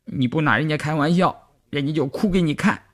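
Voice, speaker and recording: A man voicing a lively teenage girl soldier who cries easily, speaking high and childish in a storybook reading. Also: a little fast, lightly acted. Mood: tearful pouting.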